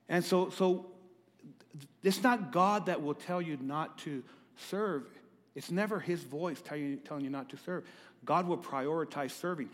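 A man's voice: fairly high pitch, in a large hall. A man preaching a sermon to his congregation in church, often repeating words and putting questions to the listeners. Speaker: pastor. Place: church hall.

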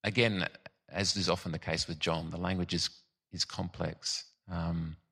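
Male preacher, low voice, bright forceful tone, thoughtful sermon, frequent ums and restarts. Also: little pitch movement, a little slow, creaky, slightly rough.

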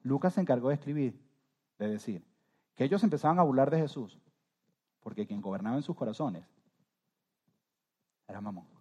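A man preaching a sermon as pastor, rising suddenly to loud emphatic peaks and trailing off softly at the ends of phrases. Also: medium pitch, lively intonation, a little fast, long pauses, husky.

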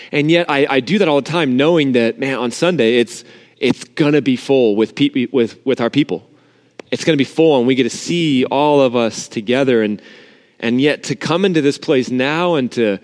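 Pastor man with cathedral echo. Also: mid-range voice. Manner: informal, earnest, talks directly to the congregation. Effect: cathedral-like echo of an empty sanctuary. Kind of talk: recorded sermon to an empty church. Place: empty church sanctuary. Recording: long reverb of an empty sanctuary.

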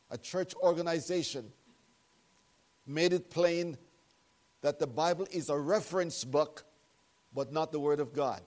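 A male pastor preaches into a pulpit microphone in a church sanctuary. His voice sits fairly high for a man, and he unhurriedly leans on key words with earnest, solemn emphasis. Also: darkish tone. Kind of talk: prayer and sermon.

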